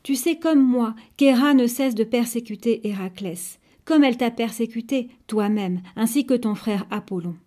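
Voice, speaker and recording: A clever, bold young man, voiced by a woman narrator pleading his case earnestly. It is a persuasive storybook voice, warm and mellow in tone. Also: on the high side, normal speed, few pauses, close to an everyday voice.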